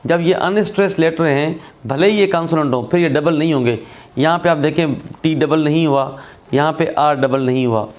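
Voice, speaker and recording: A man's voice: fairly high pitch, normal speed. A man teaching English spelling rules in a recorded lesson, patient and repetitive, often checking in with his viewers. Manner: patient, repeats points, checks in with "theek hai".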